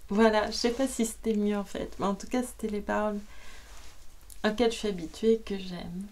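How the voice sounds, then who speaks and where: A woman who reads books aloud, winding down a session with a casual, rambling chat. Her voice sits at a middle pitch, soft and musing, and now and then it drops to a whisper. She sounds relaxed, at home. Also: brisk. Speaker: audiobook reader.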